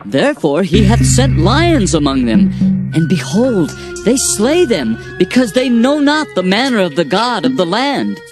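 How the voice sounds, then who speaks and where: Actor voicing worried envoys to a king, urgent pleading, lively pitch, dramatized scripture, music behind. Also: measured pace. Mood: anxious.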